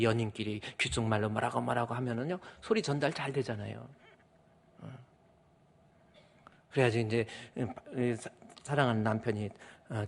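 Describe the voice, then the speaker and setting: A male pastor preaching a sermon, swinging from hushed asides to loud urgent appeals and acting out quoted voices. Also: medium pitch, gravelly, slightly rough. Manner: preaching with dramatic swings, mimics voices and whispers. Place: church sanctuary. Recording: church hall reverb.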